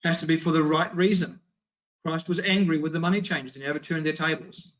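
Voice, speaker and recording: A man's voice: on the high side, fairly even intonation, fast, fairly bright tone. A man delivers a Bible study in a slightly raised register. His delivery is emphatic, built on rhetorical questions and firm answers. The recording sounds dull and lo-fi.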